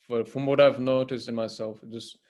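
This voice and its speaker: A man talks over a video call in an unhurried, informal way. He stumbles and repeats words as he gathers his thoughts. He keeps turning to his listeners with a questioning "right?". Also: mid-range voice, steady tone, darkish tone. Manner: hesitant, repeats words, often asks "right?". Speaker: temple priest and guest speaker.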